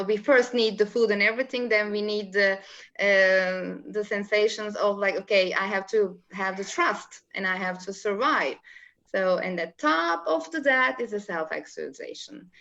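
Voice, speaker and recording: A spiritual coach from Istanbul, Turkey, is a guest in a live online interview, explaining animatedly in English with a Turkish accent and halting non-native phrasing. Her voice is mid-range. The video call audio is dull and lo-fi.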